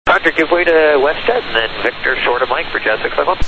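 A man's voice: a little high, animated, quick pace, vocal fry. A man working as an airline pilot, giving clipped readbacks to air traffic control over a cockpit headset radio. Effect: aviation radio transmission. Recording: muffled radio with loud hiss and static.

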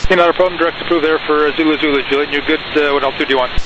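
Fast-talking tower controller on noisy radio, male. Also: on the high side, steady tone. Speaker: air traffic tower controller. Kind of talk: clipped radio phraseology, rapid instructions. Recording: muffled, noisy air traffic radio with hiss.

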